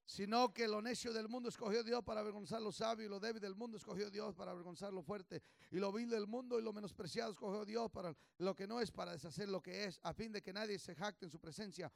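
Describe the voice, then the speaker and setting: Male pastor, fervent sermon, gravelly fry, dry close sound, call-and-response. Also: fairly even intonation, fast, hardly any pauses, no room sound. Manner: fervent preaching, swinging from low murmurs to shouts; call-and-response, urging the congregation to repeat. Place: church service.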